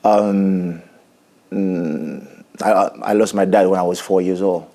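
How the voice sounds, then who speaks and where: A man from Haiti in his forties, speaking with a Haitian accent as a musician guest in a studio interview. He talks in a halting, reflective way and often restarts his sentences. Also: low voice, fairly even intonation, gravelly, warm tone. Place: TV studio set. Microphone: lapel mic.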